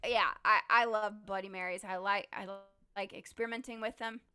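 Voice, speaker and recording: A woman's voice: mid-range voice, fairly even intonation, moderate pace, bright, forceful tone, clear, resonant tone. A woman who is a returning guest on a live stream, chatting casually in a giggly, playful way. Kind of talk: casual chat.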